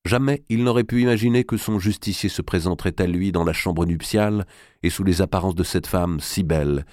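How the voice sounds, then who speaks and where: A man reading a historical novel aloud as narrator, in a measured, dramatic storytelling manner. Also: low-pitched, a little mellow, no echo, clean studio sound.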